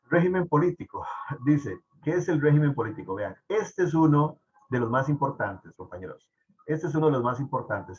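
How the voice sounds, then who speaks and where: Man, civics teacher, classroom lecture, chatty tag questions, dull lo-fi sound. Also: medium pitch. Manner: animated, asks "¿verdad?" often, jokes with students.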